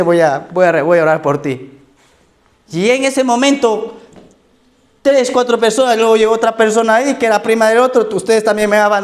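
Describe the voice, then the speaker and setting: A male pastor, preaching in a conversational sermon style and often checking in with "¿ok?". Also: high voice.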